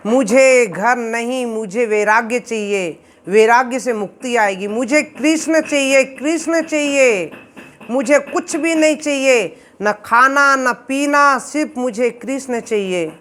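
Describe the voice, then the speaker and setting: Devoted boy ascetic, slow and resolute, high voice, as a male storyteller puts him on. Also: fairly bright tone, full character voice. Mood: devout.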